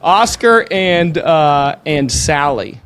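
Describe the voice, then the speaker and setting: A man hosting a podcast conversationally, informal and joking, with a halting delivery. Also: a little high, big pitch swings, fairly bright tone. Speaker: podcast host.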